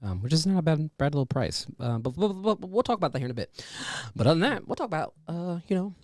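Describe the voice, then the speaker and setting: A man's voice: on the high side, sing-song, fast, a little mellow, no echo, clean studio sound. A man hosting a podcast in casual, profane, slangy chat, often addressing his listeners as guys. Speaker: podcast host.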